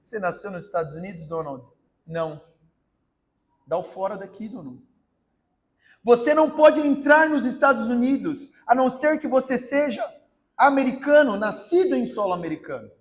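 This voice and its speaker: A man's voice: very high-pitched, normal speed. A man voicing a stern, clipped female immigration officer in a sermon illustration, dry and dismissive. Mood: curt stern.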